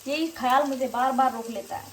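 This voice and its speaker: A woman's voice: high voice, fairly even intonation, brisk, a bit bright. Young woman chatting frankly at home. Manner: frank, scolding children at times. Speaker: vlogger and mother. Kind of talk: casual home vlog chat. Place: home in northern India. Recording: faint background noise.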